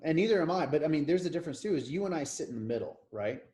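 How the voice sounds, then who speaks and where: Casual political chat from a podcast co-host: an American man in his thirties who's opinionated, rambles, and restarts a lot. His voice is a little high and dark in tone, with lively intonation and a very fast delivery.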